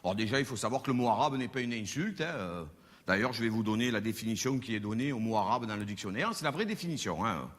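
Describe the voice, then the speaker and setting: Bright-voiced comedian. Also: male voice, on the low side, expressive, fast talker. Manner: chatty, mock-serious, playful. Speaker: stand-up comedian. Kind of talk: stand-up comedy. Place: live stage in a hall. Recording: live hall reverb, faint audience.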